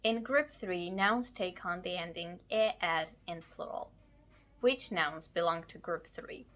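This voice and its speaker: A woman giving a scripted language lesson, explaining slowly and carefully while ill and low on energy. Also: fairly bright tone. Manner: slow, careful explanation with words spelled out. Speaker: language teacher.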